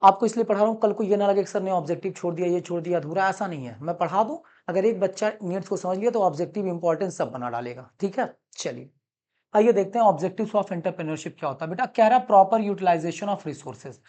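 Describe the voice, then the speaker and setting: A man teaching commerce in a classroom lecture, animated and coaxing, calling students son and checking that they have understood. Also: high-pitched, brisk. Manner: calls students son, mixes English terms into Hindi.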